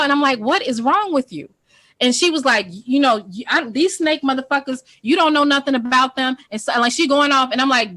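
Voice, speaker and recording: High, bright-voiced woman, heated and emphatic. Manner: emphatic, profane, defensive storytelling. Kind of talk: heated casual group call.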